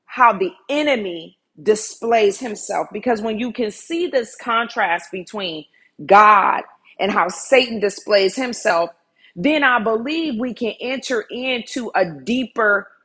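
A woman's voice: medium pitch, a bit bright, husky. A woman preaching a sermon in an earnest way, repeating key phrases for emphasis.

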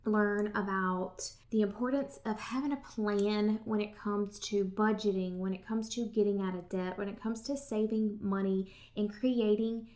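A woman's voice: mid-range voice, steady tone, measured pace, few pauses, darkish tone. A woman with a Southern accent, hosting a podcast and talking straight to her listeners in a casual, chatty way. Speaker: podcast host.

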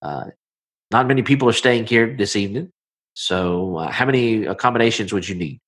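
A man's voice: lowish voice, fairly quick, fairly bright tone, breathy edge. A man playing a polite, easygoing middle-aged innkeeper in a tabletop game, with a folksy, hesitant way of talking. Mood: polite, welcoming.

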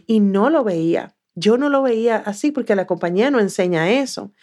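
A woman from southern Puerto Rico with a Puerto Rican accent, a podcast guest telling her story in a lively way and acting out what she once said. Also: mid-range voice, normal speed. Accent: Puerto Rican Spanish. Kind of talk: casual interview.

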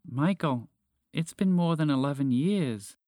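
A man voicing a grown-up mother who speaks in a calm, matter-of-fact way in a children's story. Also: a little high, measured pace, no room sound, clean studio sound, pitched above the performer's own voice. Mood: steady.

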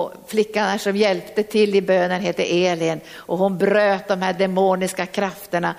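A woman's voice: fairly low pitch, vocal fry, big-room sound. A woman preacher, delivering a fervent sermon and calling out exhortations to her congregation.

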